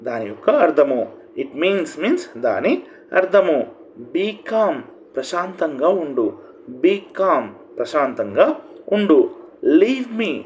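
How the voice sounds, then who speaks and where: A man with a Telugu accent teaches English phrases one at a time. His pitch jumps and swings widely as he stresses each phrase, and he speaks slowly. A faint hiss sits under the recording. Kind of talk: phrase-by-phrase language lesson.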